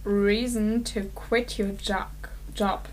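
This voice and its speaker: A woman from Los Angeles co-hosting a podcast, cheery and quick to laugh during a word game. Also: mid-range voice, little pitch movement. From Los Angeles, California. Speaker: podcast co-host. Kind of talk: casual game chat.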